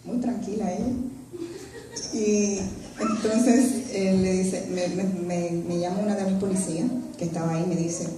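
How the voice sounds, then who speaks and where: A woman giving an earnest personal testimony in a church, telling her story haltingly with restarts. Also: medium pitch, steady tone, noisy background. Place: church hall. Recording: very echoey hall, voice from far off.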